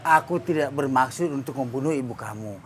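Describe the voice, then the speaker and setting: An actor playing a jealous estranged husband who talks defensively and placatingly in a TV crime reenactment. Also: male voice, medium pitch, brisk, slight background noise, natural voice.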